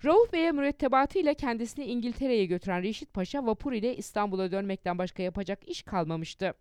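A woman reading a historical account aloud as an audiobook narrator, in a measured storytelling manner that rises in emphasis for quoted speeches. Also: a little high, expressive, darkish tone, clean tone, no room sound.

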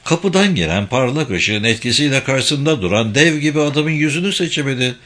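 A man reading a story aloud in a measured, expressive manner. His voice is bright and forceful, with an edge that cuts through. He sits at an ordinary middle pitch for a man. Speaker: narrator.

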